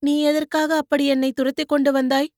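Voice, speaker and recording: A woman voicing a spirited, sharp-tongued young boatwoman who answers with mocking retorts, in an audiobook. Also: high-pitched, little pitch movement, a little fast, dry recording, studio quality, voice pushed up, close to an everyday voice.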